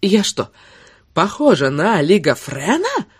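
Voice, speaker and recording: A woman's voice: mid-range voice, very animated, brisk, breathy edge, dry recording, clean studio sound, voice pushed up. A woman voicing a furious, sarcastic young woman who hurls insults in an audiobook. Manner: shouting insults, biting sarcasm.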